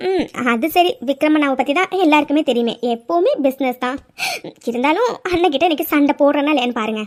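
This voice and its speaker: A woman's voice: high voice, fast talker, natural voice. A woman voicing a cheerful, teasing young daughter studying abroad in a cartoon. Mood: playful. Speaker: daughter character. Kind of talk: cartoon voice acting.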